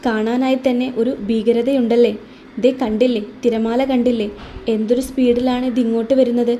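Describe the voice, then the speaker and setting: A woman voicing a sharp-tongued young wife. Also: fairly high pitch, flat delivery, muffled recording, slight background noise, close to an everyday voice. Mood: reflective. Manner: sassy, quick retorts, thoughtful.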